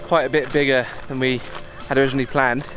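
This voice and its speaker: A man's voice: mid-range voice, fast talker, music in the background. Chatty young man vlogging outdoors. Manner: chatty, relaxed, upbeat. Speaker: travel vlogger. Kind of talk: casual travel vlog. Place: outdoors in a park and jungle trail. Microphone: camera held at arm's length.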